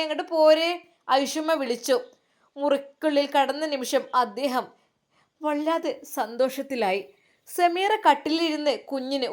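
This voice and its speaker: A woman storyteller with a Malabar Malayalam accent, narrating a devotional family story gently and expressively. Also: high voice.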